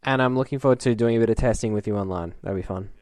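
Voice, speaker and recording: A man's voice: on the low side, racing, a little mellow, no room sound. A man co-hosting a podcast, encouraging and asking questions. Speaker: podcast co-host. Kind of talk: casual chat.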